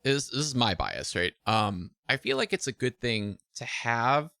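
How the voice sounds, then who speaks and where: A man's voice: medium pitch, expressive, measured pace, bright, forceful tone, no room sound. A man interviewing a gamer, talking casually and thinking aloud, often checking in with "right?".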